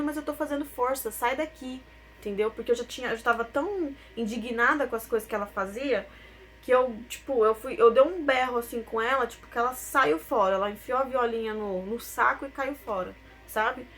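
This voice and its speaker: A woman's voice: fairly high pitch, brisk, fairly bright tone. A young woman, telling her own story as a personal testimony, emotional and tearful at times.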